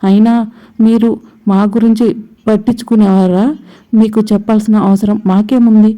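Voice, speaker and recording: A woman's voice: medium pitch, level tone, moderate pace, warm tone, natural voice. A woman voicing a defiant young college girl talking back to her father. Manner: defiant, retorting.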